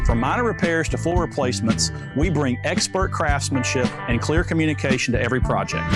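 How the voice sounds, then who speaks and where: A man reading a scripted advertisement as the owner of a local business. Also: on the high side. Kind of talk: scripted ad read.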